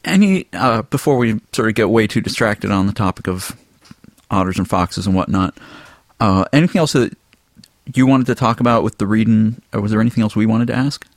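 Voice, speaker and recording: A man's voice: lowish voice, a little fast, creaky, dry recording, clean studio sound. A man hosting a casual podcast interview, asking questions in an easygoing way with plenty of filler words. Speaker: podcast host.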